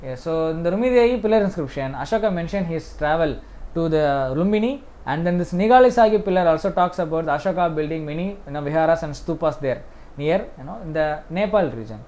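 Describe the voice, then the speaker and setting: Speaking fast with lively intonation, an exam-prep history teacher with an Indian accent has a mid-range, darkish voice. He breaks exam questions down step by step, going over points again and often ending them with a brief "yes."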